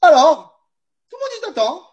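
A man's voice: very high-pitched, big pitch swings, normal speed, dull audio, pitched above the performer's own voice. A man doing a scolding Tunisian mother. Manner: reproachful, dramatic.

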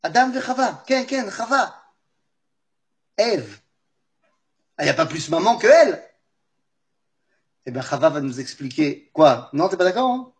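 A man teaching a religious class, telling a story in an animated way and speaking straight to his listeners. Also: high-pitched, measured pace, pauses often. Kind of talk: lively storytelling lesson.

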